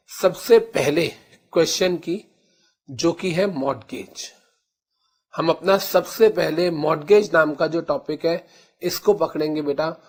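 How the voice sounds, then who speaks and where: An Indian man teaching law in a lecture, calling his students children and slowly repeating key terms. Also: a little high. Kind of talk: classroom lecture in Hindi-English mix.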